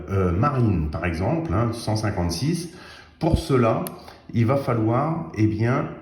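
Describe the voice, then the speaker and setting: A man's voice: lowish voice, warm tone. A man giving a casual, explanatory product review and tutorial, offering his opinions as he goes and often adding small tag words. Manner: explanatory, opinionated, frequent 'hein' tags. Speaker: radio equipment reviewer. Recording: roomy, echoey indoor recording.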